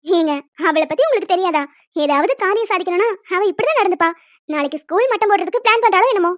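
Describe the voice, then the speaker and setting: A woman voicing a calm young wife and mother who soothes her husband with light amusement in a cartoon. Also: very high voice, fast, dry recording. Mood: soothing. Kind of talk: cartoon voice acting. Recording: dull lo-fi dry recording.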